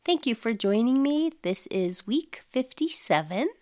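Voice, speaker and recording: A middle-aged woman hosting a casual solo podcast, effusive and upbeat with soft breathy asides, sounding nasal from allergies. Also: a little high, lively intonation, unhurried. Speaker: podcast host.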